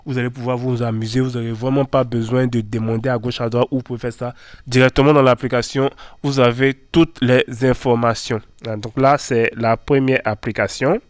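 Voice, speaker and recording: A man's voice: mid-range voice, steady tone, a little fast, no room sound. A man hosting a tech channel, walking through phone apps on screen in a chatty way, full of fillers and repeated words. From Ivory Coast. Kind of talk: screen-recorded app walkthrough.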